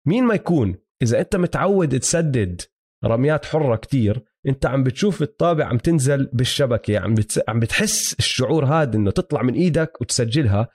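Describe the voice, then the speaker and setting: A man's voice: medium pitch, expressive, fast, a little mellow, slightly rough. A man with a Palestinian-Jordanian Levantine Arabic accent chatting casually as a sports co-host, explaining his points and mixing in English basketball terms. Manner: explanatory, checks listener follows, mixes in English basketball terms. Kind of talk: casual sports analysis chat.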